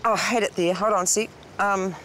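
A woman with a New Zealand accent talks in a cheerful, unhurried way, her voice in the middle range. She is recorded outdoors from a little distance, with faint noise around her. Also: medium pitch, steady tone, fairly bright tone. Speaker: event organiser.

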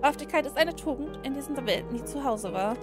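A woman voicing a calm, cold female doll who sees herself as a queen, speaking in a low, measured, solemn way. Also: music in the background.

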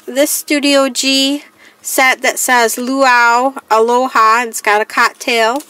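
A woman with a slightly higher-pitched voice talks through a crafting haul in a casual show-and-tell way. She reads each piece aloud in a plain, listing manner, chatty and unhurried. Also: little pitch movement, bright, forceful tone, smooth. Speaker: crafting vlogger.

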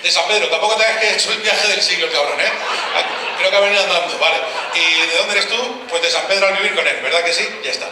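A man's voice: high-pitched, quick pace, noisy background. A man doing live stand-up at a town festival, brashly teasing the crowd and swearing freely. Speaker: stand-up comedian. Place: outdoor town festival stage. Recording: echoey live stage sound from a distance.

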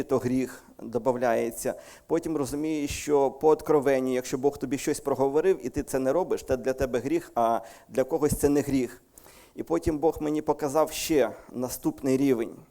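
A man's voice: mid-range voice, creaky, mellow. A man with a Ukrainian accent preaching a sermon to his congregation in a church hall, talking conversationally, correcting himself and joking lightly. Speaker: pastor.

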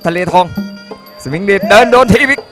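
A man's voice: sits high, a little fast. A man calling a Muay Thai fight live in short, punchy phrases that he often repeats. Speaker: ringside Muay Thai commentator. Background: music.

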